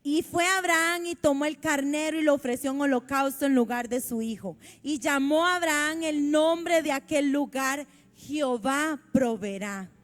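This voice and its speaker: A woman with a Costa Rican accent preaching a sermon in a church, reading scripture aloud and commenting on it fervently. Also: high voice.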